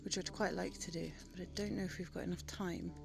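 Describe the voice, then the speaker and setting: A woman's voice: lowish voice, steady tone, quick pace, creaky, over music. A woman chatting casually and enthusiastically as she narrates a country walk for a vlog. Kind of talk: casual chat.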